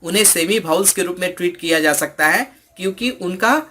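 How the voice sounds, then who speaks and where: A man teaching an English lesson, mixing in another language and slowly stressing each example word. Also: high voice, bright, forceful tone, a little hiss or hum.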